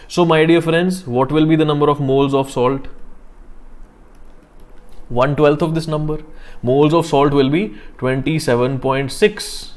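North Indian man teaching, deliberate and repetitive. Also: medium pitch. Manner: deliberate, repetitive, checks understanding with questions. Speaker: chemistry teacher. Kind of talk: live online lecture, explaining step by step.

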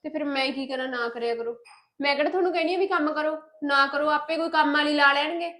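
A high, quick voice belongs to a defiant young wife who shirks every chore and snaps back at everyone, played by a woman. The speech comes fast and pointed, with a bickering tone in a homespun family drama. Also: pushed and bright. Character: lazy, sharp-tongued young wife. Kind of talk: village family drama acting.

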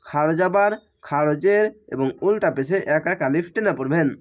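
A man teaching Quran reading, spelling each letter and vowel aloud, then chanting the whole word slowly. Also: fairly high pitch.

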